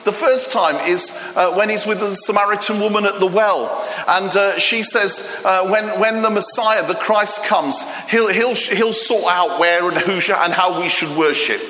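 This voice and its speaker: Preaching a sermon in a church hall, a man born in Greece uses a bright, forceful voice that sits high and carries a long reverb, with faint room ambience and a little hiss or hum behind it. His pace is a little slow with few pauses, and he tells his stories animatedly, restarting sentences and using fillers.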